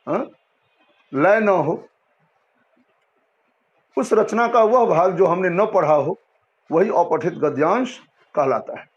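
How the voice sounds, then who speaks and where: In a high-pitched voice, a man patiently explains a Hindi lesson to his students, frequently posing questions and then answering them himself. The audio has a dull, lo-fi quality.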